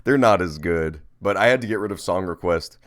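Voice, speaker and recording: A man's voice: low voice, fairly quick. A man streaming a game and chatting casually with viewers, playful, rambling and sweary. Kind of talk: casual live-stream chat with gameplay commentary.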